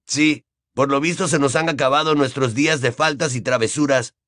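A man's voice: mid-range voice, fairly even intonation, moderate pace, a bit bright, no echo, studio quality, voice pushed up, lightly acted. A man voicing a jeering, prankish teenage twin boy with a mocking manner.

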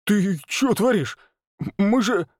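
A man voicing a furious, hysterical business partner who yells at his associate in an audiobook. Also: on the high side, wildly swooping pitch, slow pace, no room sound, studio quality, voice pushed up, heavily acted. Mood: indignant. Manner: yelling, hysterical. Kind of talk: audiobook narration.

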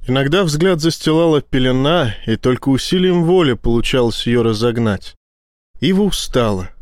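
A man reading a tense science fiction audiobook in a steady storytelling voice. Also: medium pitch, moderate pace, no echo, studio quality. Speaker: audiobook narrator. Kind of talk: scripted narration.

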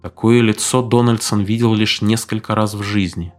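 A man narrating an audiobook in a measured, hushed manner. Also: lowish voice, steady tone, soft background music.

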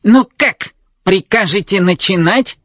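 A man voicing a fussy, grumbling male wedding robot with a creaky metallic voice, in an audiobook reading. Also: high voice, a little slow, fairly bright tone, no room sound, voice pushed up. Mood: plaintive. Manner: pedantic, fussy, complaining. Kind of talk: audiobook character voice. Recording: dull lo-fi recording.

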